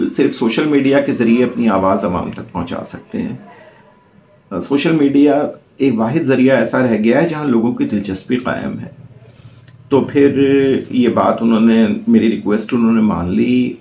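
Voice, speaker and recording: A man's voice: medium pitch, creaky, a little mellow, echoey room. A man telling a heartfelt personal story as a channel host, in earnest, formal diction.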